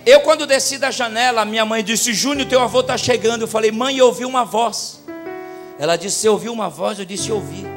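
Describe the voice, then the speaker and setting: A man with a Brazilian Portuguese accent preaching a sermon, telling stories in a low voice and then rising to loud shouts. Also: brisk, over music. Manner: storytelling, swings from quiet to shouting.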